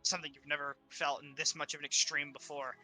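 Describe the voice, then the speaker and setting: Male game master, very bright tone, slightly high voice, halting descriptive narration, music faintly behind. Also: level tone.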